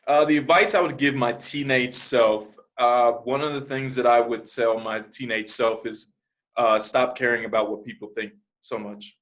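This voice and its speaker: A man from New Jersey who grew up in Arizona, a podcast guest talking in a relaxed, rambling way with many "you know" fillers. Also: medium pitch, normal speed, lo-fi sound. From born in New Jersey, raised in Arizona. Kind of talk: casual interview.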